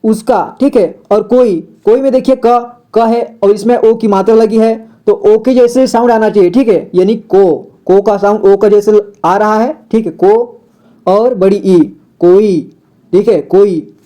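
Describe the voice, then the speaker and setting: Patient man teaching reading, mellow voice. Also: high voice, fairly even intonation, unhurried. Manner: patient, repeats words, keeps asking the viewer questions. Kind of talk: step-by-step reading lesson.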